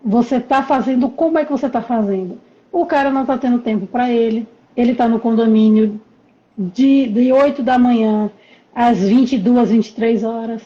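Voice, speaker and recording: A woman consultant explaining calmly during a live stream conversation, heard over a remote call. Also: fairly high pitch, normal speed, muffled recording. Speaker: condominium management consultant, guest.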